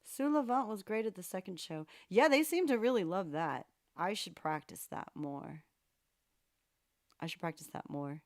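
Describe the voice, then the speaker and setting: A woman's voice: mid-range voice, expressive, unhurried, darkish tone, no room sound, clean studio sound. A woman hosting a live piano-request stream, playfully chatting and answering viewers. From United States. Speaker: live-stream pianist host. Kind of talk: casual live-stream chat.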